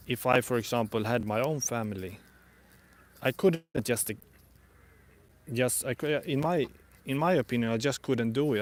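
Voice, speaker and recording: A man's voice: fairly low pitch, darkish tone. A man who speaks English as a second language, thinking aloud in a casual vlog on an outdoor walk, rambling hesitantly and often rephrasing himself. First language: not English. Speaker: vlogger.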